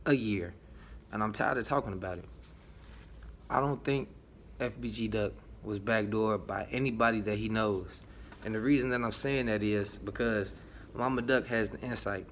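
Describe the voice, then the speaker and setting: A man giving casual, slangy and emphatic opinion commentary, his voice slightly muffled by a face mask. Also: fairly low pitch. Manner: slangy, emphatic, repeating appeals to listen. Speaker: YouTube news commentator. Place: office, indoors. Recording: clear background noise.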